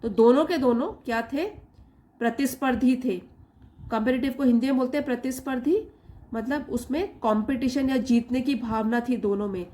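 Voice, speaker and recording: A woman teaching an English reading lesson, reading English slowly word by word and explaining each part briskly. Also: high-pitched, warm tone.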